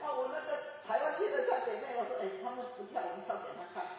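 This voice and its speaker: Lady in her 70s preaching, kinda high voice, echoey far-off hall sound, laughs a lot telling her story. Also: very fast, lo-fi sound. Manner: animated storytelling with laughter and chanting. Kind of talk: sermon testimony.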